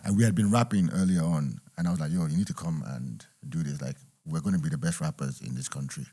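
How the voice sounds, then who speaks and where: Male rapper guest with a very deep voice; relaxed, hesitant, lots of ums. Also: fast talker, slightly rough. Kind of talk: casual chat.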